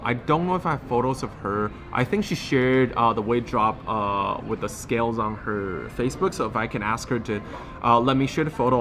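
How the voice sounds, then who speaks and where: A man's voice: mid-range voice, a bit bright, a little hiss or hum. A man giving a casual, enthusiastic fitness recap to viewers, talking in slangy phrases with a slightly swollen lip. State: swollen lip affecting speech. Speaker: fitness challenge vlogger.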